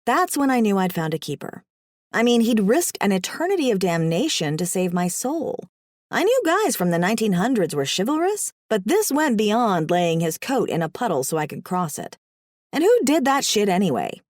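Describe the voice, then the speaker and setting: A woman reads a first-person story aloud with sass and wry humor. Her pitch rises and falls in a lively way, and the sound is dry and close. Her voice sits in a middle register. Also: moderate pace, no room sound. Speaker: audiobook narrator. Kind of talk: scripted first-person narration.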